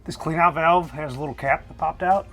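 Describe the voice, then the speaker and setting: A man's voice: fairly high pitch, brisk, fairly bright tone, faint music behind. Man talking through a DIY install inside camper. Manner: plain-spoken, thinking aloud as he works. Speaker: DIY RV vlogger. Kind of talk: hands-on installation tutorial, casual narration. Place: inside a camper, small indoor space.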